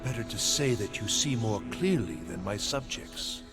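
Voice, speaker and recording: A man's voice: on the low side, expressive, moderate pace, creaky, music in the background. Commanding ghostly king, dramatically swelling voice. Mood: haughty. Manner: imperious, theatrical, declaiming, swelling to battle cries. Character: ghost of a fallen old king, proud, tormented, commanding. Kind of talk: video game voice acting.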